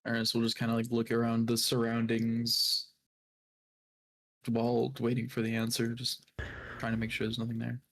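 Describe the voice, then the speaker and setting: A man's voice: mid-range voice, monotone, normal speed, long pauses, a bit bright. A man playing a tabletop role-playing game, talking casually and swearing, sometimes while eating. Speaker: player.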